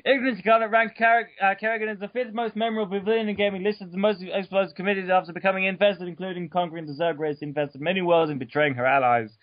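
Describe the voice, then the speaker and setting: With a high-pitched, steady voice, a man races through an article at a quick clip with few pauses, hamming it up dramatically. He fumbles words and interrupts himself with jokey asides, and the dull lo-fi home recording is dry.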